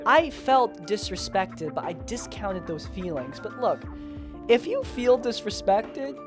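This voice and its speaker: A man hosting a tabletop gaming tips video, talking in a candid, expressive and self-deprecating way. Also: sits high. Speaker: YouTube RPG tips host. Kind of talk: casual talking-head commentary.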